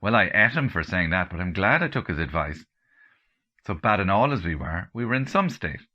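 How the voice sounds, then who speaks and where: An Irish man with a deep yet bright voice reads a comic story in the first person. He tells it dryly, dropping deadpan asides along the way. The recording sounds dull and lo-fi. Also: a little fast. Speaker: comedian and author reading.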